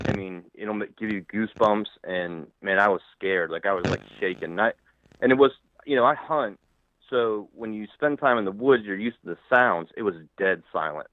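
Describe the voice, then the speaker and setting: Male caller, slight lisp, halting and repeating words, low voice, phone-line sound. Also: no echo. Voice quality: slight lisp from a broken front tooth. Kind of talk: telling a paranormal story on a call-in show.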